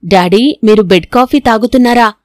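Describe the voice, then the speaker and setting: Narrated storybook scene with a woman putting on a grieving little girl, high and plaintive. The voice is bright and lifted. The close recording is dry, with no room sound. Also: normal speed, dry recording, lightly acted. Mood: tearful. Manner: plaintive, pleading. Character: young girl grieving her late mother.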